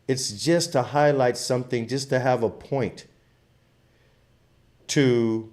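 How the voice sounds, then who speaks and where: A man from Trinidad and Tobago, giving an impassioned, emphatic commentary as a channel host. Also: medium pitch. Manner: impassioned, emphatic, grows louder when fired up. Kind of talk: opinionated commentary monologue.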